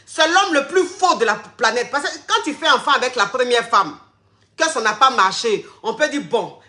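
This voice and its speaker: Bright high-voiced woman coach. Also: roomy sound. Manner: repeats phrases, calls viewers darling and family. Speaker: relationship coach on a live stream. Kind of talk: live-stream advice talk.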